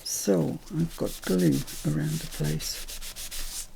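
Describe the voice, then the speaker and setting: A British woman in her later years talks slowly and unhurriedly through a paper-craft tutorial, her voice heavy with gravelly fry. She drifts into chatty asides as she works, with a faint hiss of room noise behind her. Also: deep voice, fairly even intonation, warm tone. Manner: chatty, rambling asides while working.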